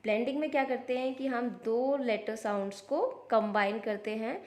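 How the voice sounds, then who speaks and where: A woman's voice: fairly high pitch, moderate pace. A woman, a parent, patiently explaining how to teach children phonics step by step, sounding out letters in a casual instructional vlog.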